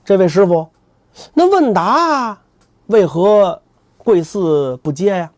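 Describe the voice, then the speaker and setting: An earnest, pious pilgrim monk played by a male storyteller, courteous but stubborn. His formal classical phrases are deliberate, with a highish, sweeping pitch in a dry recording. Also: wildly swooping pitch, darkish tone, no echo, exaggerated voice. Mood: polite.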